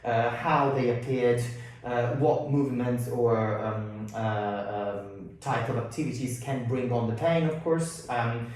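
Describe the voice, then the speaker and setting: A man explaining as a clinician in a halting, informal way, slightly muffled through a face mask. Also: medium pitch, steady tone, a little mellow. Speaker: consultant osteopath and physiotherapist. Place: indoor room at a clinic. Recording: very echoey room, distant mic.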